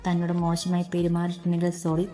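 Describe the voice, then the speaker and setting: A troubled young widower, gentle and apologetic, in a spoken storybook, as a woman reader voices him. The delivery stays flat and level, with a mellow, soft tone. Faint music plays behind. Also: on the low side, fast talker, close to an everyday voice. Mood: earnest, apologetic.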